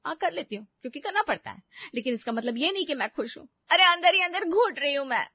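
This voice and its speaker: A woman plays a frustrated young cartoon wife who is fed up with housework and with her mother-in-law, indignant and sarcastic. Her voice is high, and the recording is dry and a little dull. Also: lively intonation, fast, dry recording. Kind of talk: animated family story voice acting.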